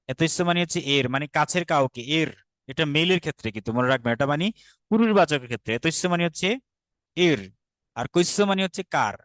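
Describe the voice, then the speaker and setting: A man's voice: on the high side, a bit bright, dry recording. A man with a Bangladeshi Bengali accent teaching an online class, patient, repeating drills and often checking that students follow. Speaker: Sanskrit teacher.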